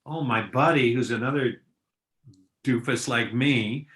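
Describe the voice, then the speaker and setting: A man's voice: mid-range voice, unhurried, fairly bright tone. A man co-hosting a radio talk show, chatty and joking, teasing his friends, a comic who sounds tired. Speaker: co-host, comedian. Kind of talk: casual radio chat.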